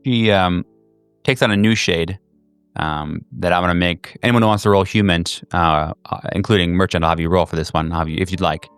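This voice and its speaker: A man narrating a tabletop horror game as game master, halting with many fillers. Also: deep voice, steady tone, fairly bright tone, clean tone, dry recording, soft background music.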